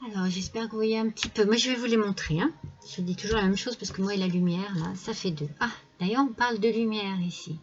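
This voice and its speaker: A woman speaks to her viewers as she lays out tarot cards, in a friendly chatty way that keeps stalling on fillers and restarts. Her voice sits at an ordinary middle pitch for a woman. The recording is a little dull and lo-fi. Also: fast. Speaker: tarot reader. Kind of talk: casual tarot reading to camera.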